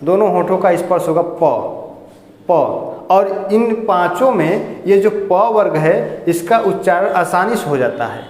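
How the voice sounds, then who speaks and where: A man's voice: high-pitched, animated, moderate pace, hardly any pauses, a little mellow. A man teaching Hindi grammar to a class, explaining step by step and asking and answering his own questions. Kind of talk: classroom lecture. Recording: echoey room with long reverb.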